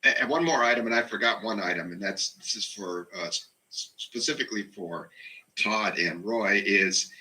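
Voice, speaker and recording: Deep-voiced man with a sharp, forceful edge. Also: normal speed, rough recording. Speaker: meeting participant. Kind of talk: informal meeting discussion.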